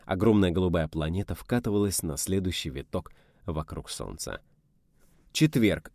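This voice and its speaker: Low-voiced man narrating a story. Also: dry recording, studio quality. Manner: even, storytelling. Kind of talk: audiobook narration.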